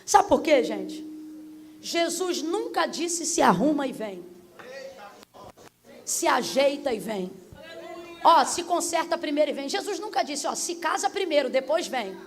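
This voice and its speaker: A young woman preaching a sermon in a lively, playful way, voicing imagined listeners' objections. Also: high-pitched, unhurried, pauses often.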